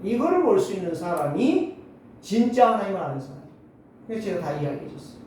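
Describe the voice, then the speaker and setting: A man in his sixties preaches to his congregation with a high, restless voice that leaps between loud exclaims and murmured asides. The sound rings through a very echoey sanctuary, picked up from some distance. A faint hum of room ambience sits underneath. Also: sing-song, quick pace. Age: 60s. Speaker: pastor. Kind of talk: sermon. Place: church sanctuary. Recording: very echoey hall, mic at a distance.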